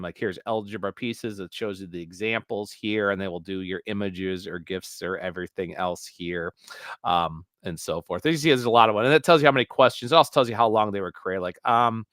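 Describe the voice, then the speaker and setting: A male teacher with a naturally loud, lowish voice walks through a screen-recorded software tutorial, rambling with lots of fillers and restarts. The sound is clean studio quality with no room sound.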